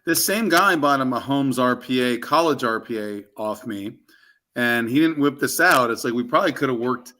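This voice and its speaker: Rambling man with a bright voice. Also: mid-range voice, animated, normal speed. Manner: rambling, with many ums and asides. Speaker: co-host of a collecting round table. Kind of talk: casual chat.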